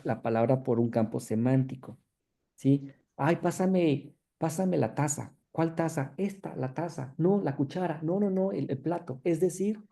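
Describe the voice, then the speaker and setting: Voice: medium pitch, warm tone. A university lecturer, explaining clinical material to students and constantly checking in with a questioning tag after each phrase.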